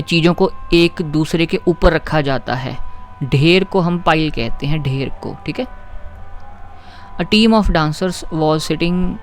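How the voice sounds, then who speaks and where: A man teaching English grammar, patiently explaining exercises, asking questions and reading example sentences slowly. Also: fairly high pitch. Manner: patient, asks questions and keeps checking with "ठीक है?".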